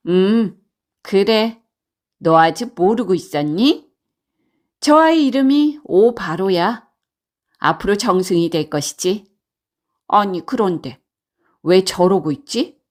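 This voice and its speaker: A woman voicing a pair of mischievous storybook goblins who chat eagerly and plot together. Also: medium pitch. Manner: chatty, excited, conspiratorial.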